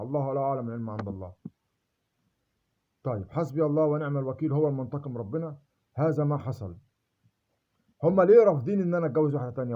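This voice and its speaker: A man's voice: fairly high pitch, lo-fi sound. A man with an Egyptian accent in a rambling personal monologue, emphatic and swearing oaths to be believed. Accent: Egyptian Arabic.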